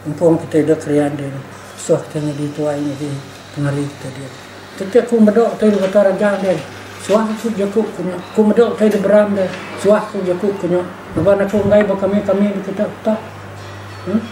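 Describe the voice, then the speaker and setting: An older man with a high, flat-sounding voice talks briskly as an interviewee in an informal spoken reflection. He's emphatic and repetitive, tacking rhetorical tag questions onto his points. The room has a roomy echo and faint background noise.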